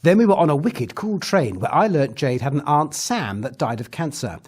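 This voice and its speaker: Husky, theatrical Doctor, acted by a man, swooping pitch. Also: animated, moderate pace, darkish tone. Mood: reflective, storytelling. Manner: theatrical, whimsical, old-fashioned diction. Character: the Doctor, eccentric time-travelling adventurer recapping his past. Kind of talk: audio drama recap narration.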